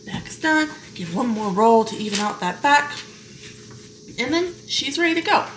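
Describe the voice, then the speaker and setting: A woman giving a relaxed, chatty cooking tutorial while shaping bread dough at home. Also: fairly high pitch, normal speed, music in the background. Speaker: home baker showing a recipe. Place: home kitchen. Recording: echoey kitchen with clear background noise.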